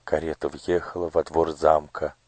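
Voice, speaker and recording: A man calmly narrating a storybook in a measured reading voice. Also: very deep voice, breathy edge, no room sound. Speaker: audiobook narrator.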